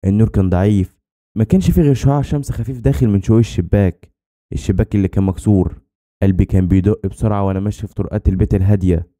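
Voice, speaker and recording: A man with an Egyptian accent telling a scripted horror story in a brisk, tense way. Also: fairly low pitch, mellow.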